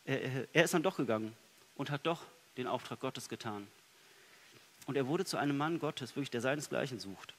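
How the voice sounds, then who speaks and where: A man preaching a sermon in a church, earnest, moving between soft, quiet passages and emphatic ones. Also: medium pitch, lively intonation, a little fast, a little hiss or hum. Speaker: pastor.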